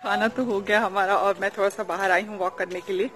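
A young woman with an eastern Uttar Pradesh Hindi accent, narrating a casual daily vlog at home in a chatty, soft-spoken way with frequent tag questions. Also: medium pitch, fairly even intonation, quick pace, slight background noise. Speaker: vlogger. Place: family home, indoors and courtyard.

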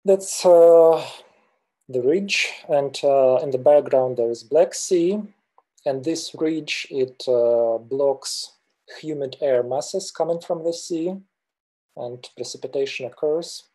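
A middle-aged Russian man, a mountain guide, gives a webinar slide presentation via webcam, his delivery halting and packed with filler pauses. His voice runs a little high and warm.

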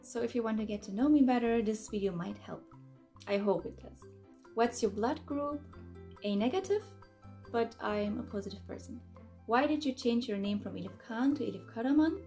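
A woman's voice: a little high, moderate pace, dark tone, faint music behind. A woman in her mid-twenties, raised in Germany, chatting upbeat in a casual Q&A vlog from her bedroom. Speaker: YouTuber answering fan questions. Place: bedroom, indoors.

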